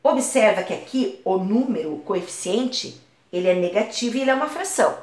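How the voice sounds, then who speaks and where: Lively woman teaching maths in an echoey room. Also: medium pitch, brisk. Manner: patient, uses everyday comparisons. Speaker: math teacher. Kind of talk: explaining algebra lesson.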